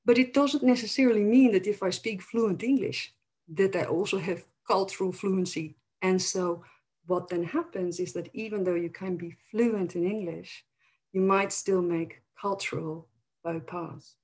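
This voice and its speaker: Speaking at a measured pace in a mid-range voice with a darkish tone, this academic presenter from the Netherlands has a Dutch accent. Her thoughtful video-call webinar is peppered with fillers and comes through on a low-quality recording.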